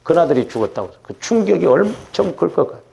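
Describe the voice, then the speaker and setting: Talking fast with big pitch swings, this middle-aged pastor has a fairly high, creaky voice with a warm tone, though the audio sounds dull. Originally from the Jeolla region, he delivers a conversational Wednesday prayer-service sermon in the church sanctuary, frequently asking the congregation "응?" ("right?").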